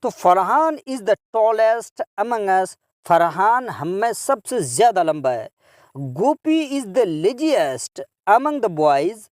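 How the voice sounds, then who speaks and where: Slow, lively-voiced male grammar teacher. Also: sits high, no room sound, studio quality. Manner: drills word forms slowly, repeating each one; explains and translates for children. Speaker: English teacher. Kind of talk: grammar lesson.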